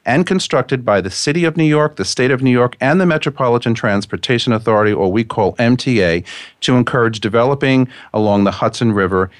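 A man's voice: mid-range voice, a little fast, no room sound, studio quality. A man hosting a radio show, reading from prepared notes with asides and stumbling over the odd word.

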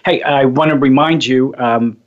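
A man's voice: medium pitch, fairly even intonation, normal speed. A man hosting a radio show on hypnosis and mindfulness, talking casually in a rambling way and often correcting himself. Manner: rambling, self-correcting, chatty. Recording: slightly muffled lo-fi audio.

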